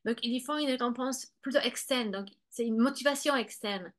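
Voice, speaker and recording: A woman whose voice is on the high side and a bit bright talks at normal speed about bilingual children as a guest expert. Her explanation comes hesitantly, with many fillers and restarts, and she acts out both children's and parents' words.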